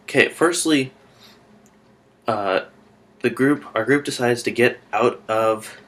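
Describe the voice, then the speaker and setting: A man from Alaska talking through a TV episode in a casual review vlog, rambling and excitable with lots of fillers and restarts. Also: medium pitch, takes it slowly.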